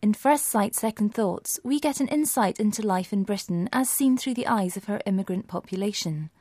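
A woman introduces an educational programme in a smooth, formal read. Her voice is warm and mellow. The sound is dry and close. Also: medium pitch, normal speed, no room sound. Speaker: programme presenter. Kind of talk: scripted radio introduction.

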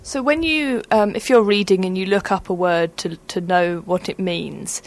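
A woman's voice: medium pitch, moderate pace. A woman presenter, interviewing patiently and rephrasing her questions.

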